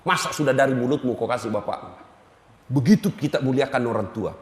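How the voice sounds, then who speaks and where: A male preacher giving a humorous sermon in an animated, teasing way, speaking directly to his audience in a large hall. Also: mid-range voice, fast talker. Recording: echoey hall.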